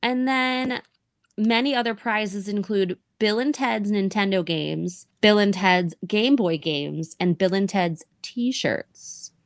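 A woman's voice: medium pitch, slow. Informal, exclamatory woman chatting on a podcast. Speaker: podcast co-host. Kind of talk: casual chat.

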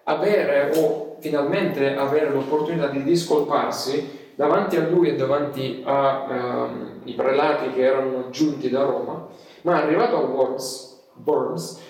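A man's voice: medium pitch, steady tone, unhurried, a little mellow. A man preaching a sermon as a pastor, telling a story with many hesitations. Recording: echoey room from far off.

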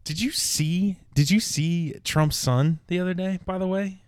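A man's voice: sits high, a little slow, clean tone, no room sound, studio quality. A man hosting a casual podcast, laid-back and joking dryly. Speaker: podcast host. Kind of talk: casual chat.

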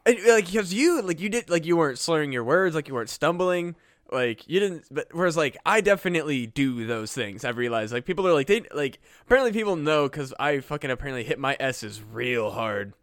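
Male podcast co-host, higher-pitched, rambling, swears a lot, dry close recording. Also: lively intonation, a little fast, fairly bright tone, dry recording. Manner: rambling, heavy use of "like" and swearing. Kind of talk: casual chat.

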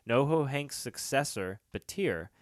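A man's voice: mid-range voice, expressive, measured pace, dry recording, studio quality. A man hosting a casual podcast, recapping a TV season in a rambling way with many fillers and restarts. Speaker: podcast host.

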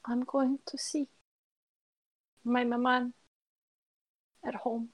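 A woman voicing a timid, tearful young woman who speaks softly and apologizes through trembling words. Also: a little high, flat delivery, slow, voice pushed up, low-quality recording. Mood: quiet. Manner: soft, trembling, breaking apologies.

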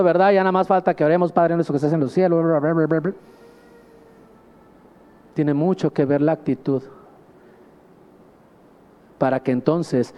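A man's voice: high-pitched, darkish tone, big-room sound. A man preaching a sermon, speaking emphatically and often addressing his listeners as brother. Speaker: pastor.

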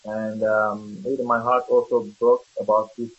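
A man, praying and giving testimony in an earnest, halting way full of pauses. His voice stays husky and nearly flat in tone. The audio sounds muffled and lo-fi. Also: fairly low pitch. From Lebanon. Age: 30s. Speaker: church member giving testimony. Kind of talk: testimony and prayer.

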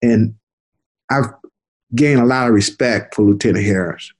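An older man, a retired detective, telling stories from his career in an unhurried conversational way, often repeating words as he recalls. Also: fairly low pitch. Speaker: interview guest, retired police detective. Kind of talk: conversational storytelling.

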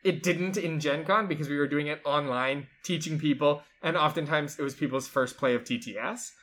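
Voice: medium pitch, brisk, a bit bright. A board game show co-host chatting casually and enthusiastically while explaining how a game's rules work. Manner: enthusiastic, chatty, lots of fillers like "like".

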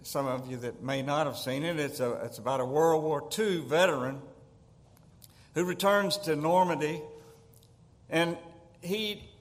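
A man's voice: on the high side, a little slow, long pauses. An older man with a Southern accent from Tennessee, preaching a folksy sermon as a guest pastor and telling humorous stories. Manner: storytelling, chuckles at his own jokes. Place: church sanctuary. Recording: long church hall reverb.

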